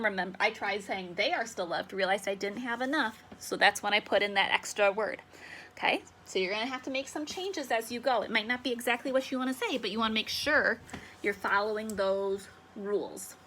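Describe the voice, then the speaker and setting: A young woman teaching a remote lesson to children, upbeat and encouraging, slowing down to sound out syllables. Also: on the high side, expressive, bright, forceful tone, slight background noise. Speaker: elementary school teacher.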